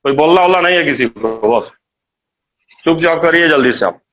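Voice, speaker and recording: Male teacher, high voice, live classroom lecture, repeats and quizzes students. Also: animated, moderate pace, fairly bright tone, poor audio. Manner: repetitive, coaxing, quizzes students. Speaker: chemistry teacher.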